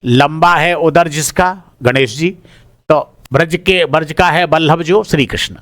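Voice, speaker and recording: Male teacher, higher-pitched voice, casual answer-key walkthrough, repeats words as he checks them, dry close sound. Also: unhurried, a bit bright, dry recording. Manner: repeats each word aloud while checking it; informal, addresses listeners as brother.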